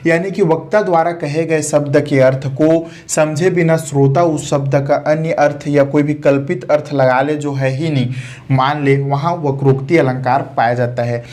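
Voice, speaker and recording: A man's voice: on the high side, fairly even intonation, moderate pace, darkish tone. A man teaching a grammar lesson, explaining terms step by step, repeating key words and asking rhetorical questions before answering them.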